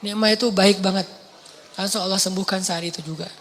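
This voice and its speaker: Casual preacher in an echoey hall. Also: male voice, high-pitched, steady tone, a little fast. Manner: conversational, swings between loud emphasis and soft asides. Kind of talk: casual sermon. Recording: echoey hall with faint noise.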